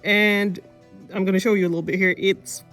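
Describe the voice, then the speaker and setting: Speaking briskly at a medium pitch with fairly even intonation and a slightly bright tone, an animation student vlogger narrates her devlog in an informal, self-deprecating manner. It was recorded close under a blanket indoors on an older camera's mic, processed in editing, with music playing behind her.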